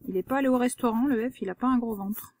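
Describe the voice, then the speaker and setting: A woman's voice: on the high side, fast talker, darkish tone, no echo. A woman, a primary school teacher giving a patient, step-by-step handwriting lesson to a young child.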